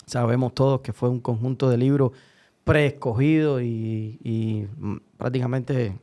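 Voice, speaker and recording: A man's voice: mid-range voice, steady tone, a little slow, warm tone. A man hosting a podcast in casual chat, rambling with hesitations and restarts. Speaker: podcast host. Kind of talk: casual chat and joke-telling.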